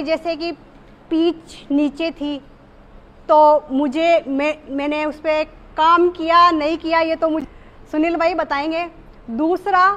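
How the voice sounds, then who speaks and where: High-voiced woman sharing reflections. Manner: hesitant, many fillers and restarts. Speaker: workshop participant. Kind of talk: reflective talk to a group.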